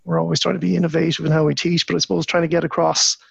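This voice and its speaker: A man's voice: fairly high pitch, level tone, very fast, creaky, breathy edge, no echo, highs cut off. A man from Galway with a west of Ireland accent, a lecturer chatting casually as an interview guest, circling into his points with repeated words.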